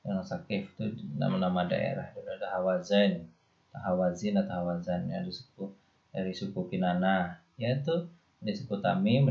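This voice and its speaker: Lecturing on Islamic studies, a man explains things loosely and conversationally, with a light Indonesian accent and frequent "ya" and "nih" asides. He has a low, darkish voice with vocal fry, captured in a dull lo-fi recording.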